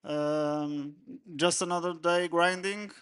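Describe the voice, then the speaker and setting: A man speaking as a panel guest, hesitant and full of filler pauses. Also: a little high, fairly even intonation, fairly bright tone, clean tone. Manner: hesitant, many filler uhs.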